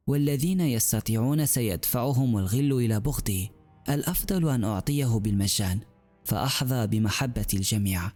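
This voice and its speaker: Gentle young female healer read by a man, earnest, calm, reasoning, mellow tone. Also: medium pitch, close to an everyday voice.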